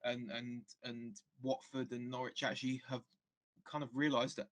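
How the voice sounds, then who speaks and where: Brief: man of middling pitch, casual fan guest, halting delivery with lots of restarts. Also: level tone, fairly bright tone. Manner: hesitant, many restarts and fillers. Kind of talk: casual football chat.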